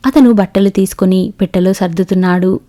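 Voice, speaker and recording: A woman narrating an audiobook novel in a steady, even storytelling manner. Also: medium pitch, fairly quick.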